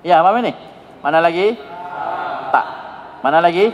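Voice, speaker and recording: A man from Indonesia teaching Arabic grammar to a class, prompting his pupils with the same quick questions again and again. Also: a little high, animated, background noise. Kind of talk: classroom grammar drill with students. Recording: dull, lo-fi sound with a long hall reverb.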